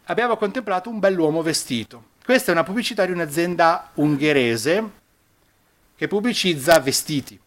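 Male preacher, slightly high voice, big swooping delivery, emphatic. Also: normal speed. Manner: animated, emphatic preaching with dramatic pitch swings. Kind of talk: sermon.

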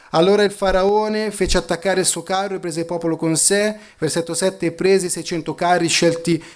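Preaching a sermon, a man tells a story and reads from scripture, slowing his pace and dropping low whenever he wants to stress a point.

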